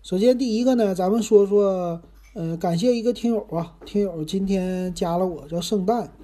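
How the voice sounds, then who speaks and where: A man's voice: sits high, moderate pace, warm tone. A man with a Northeastern Mandarin accent hosting his own podcast in a chatty, rambling, self-deprecating monologue. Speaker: podcast host. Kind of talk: casual monologue.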